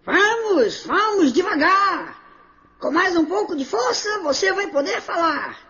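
A woman's voice: extremely high pitch, expressive, unhurried, bright, forceful tone, exaggerated voice. A woman voicing a chatty, eager little male parrot teacher in a storybook tale, talking in a sing-song, exclamatory way. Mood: encouraging. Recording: dull lo-fi audio.

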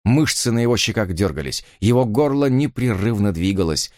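A male audiobook narrator reads a first-person thriller with real drama. His delivery is lively, rising and falling in pitch. The sound is dry and close, with no room echo. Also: moderate pace.

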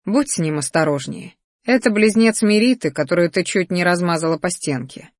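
A woman's voice: lowish voice, animated, normal speed, no echo, clean studio sound. A woman voicing a friendly young male battle-mage student who earnestly warns a friend in a fantasy audiobook.

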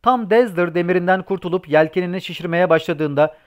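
A man reads a seafaring novel aloud in steady, scripted audiobook narration. His voice sits a little on the high side for a man. He takes the characters' lines himself as he goes. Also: brisk, smooth.

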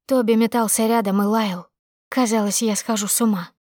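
A woman's voice: a little high, steady tone, moderate pace, a little mellow, dry recording, clean studio sound. A woman narrating a dramatic first-person audiobook with tense, emotional storytelling.

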